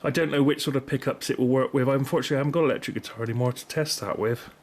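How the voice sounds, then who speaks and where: Talking very fast in a medium-pitched voice, a middle-aged British man reviews gear for a video in a casual, unplanned way. He rambles tentatively and corrects himself often, and room ambience and background noise are plainly audible.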